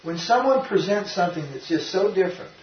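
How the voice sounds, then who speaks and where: A man's voice: high voice, lively intonation, fairly quick. An older man, a spiritual teacher, giving an informal devotional talk in a rambling, emphatic way with frequent restarts. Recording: roomy, distant, dull lo-fi sound with faint noise.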